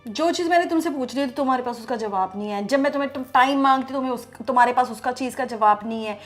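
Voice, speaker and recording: A woman's voice: high-pitched, fast talker, soft background music, close to an everyday voice. An actress playing a young wife who coaxes and reproaches her husband for ignoring her. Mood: complaining. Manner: coaxing, complaining, reproachful. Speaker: actor in short film. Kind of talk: domestic drama acting.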